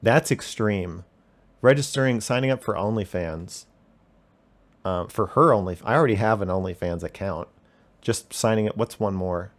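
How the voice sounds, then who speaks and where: A man's voice: fairly low pitch, normal speed. A young man hosting a call-in livestream, answering chat questions in a defensive, rambling way with plenty of swearing. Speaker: call-in show host reading chat.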